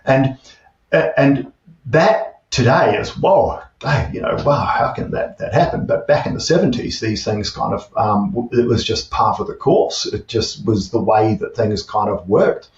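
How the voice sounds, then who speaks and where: NZ-accented guest in his fifties; halting, restart-heavy delivery, heard at a distance with a muffled tone. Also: on the low side. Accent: New Zealand. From New Zealand. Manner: hesitant, many fillers and restarts. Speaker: guest, tech CEO. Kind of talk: casual interview chat. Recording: distant, dull, roomy remote audio.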